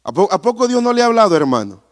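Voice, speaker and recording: Lively animated preaching pastor. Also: male voice, high-pitched, rapid-fire. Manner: animated preaching, rhetorical questions to the congregation. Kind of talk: sermon. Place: church.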